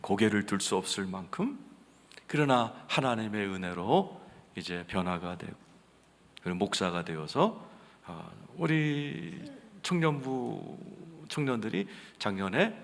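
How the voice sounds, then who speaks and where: A man preaching a sermon as senior pastor, telling a story with sudden swings between loud outbursts and hushed asides. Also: on the low side, very animated, a little slow. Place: large church sanctuary. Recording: reverberant church hall.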